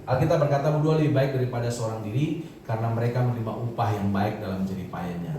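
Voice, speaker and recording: A man's voice: mid-range voice, fast talker, background noise. A middle-aged man from Indonesia, a pastor preaching a sermon in a casual, conversational way with chuckling asides. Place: large church hall. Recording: echoey hall heard from far off.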